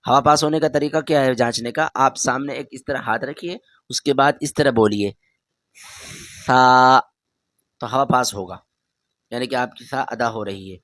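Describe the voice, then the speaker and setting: Male Quran teacher, patient and direct, drawn-out letter demos, dry close recording. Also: medium pitch, no room sound. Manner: patient, repeats each letter loudly and drawn out; talks straight to the learner, asks them to repeat. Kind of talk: beginner Arabic letter lesson.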